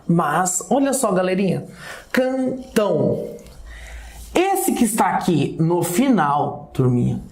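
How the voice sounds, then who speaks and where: Brazilian lady teaching a class, slow and low-ish voice, keeps asking tá? ok?, roomy echo. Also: darkish tone. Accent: Brazilian Portuguese. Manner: addresses students informally, checks understanding with repeated "tá?" and "ok?". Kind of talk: recorded class lesson. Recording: echoey classroom sound.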